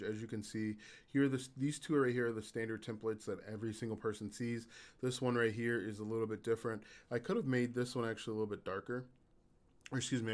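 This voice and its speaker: The speaker is a man with a raspy voice hosting a laid-back YouTube live stream. He talks in a level, low-energy way, hesitating often and using fillers.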